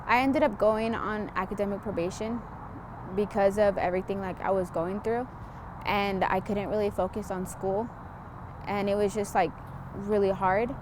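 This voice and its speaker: A young woman, a former student, talking casually in an interview with clear background noise. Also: mid-range voice, steady tone, moderate pace. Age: young adult. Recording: noisy outdoor urban ambience.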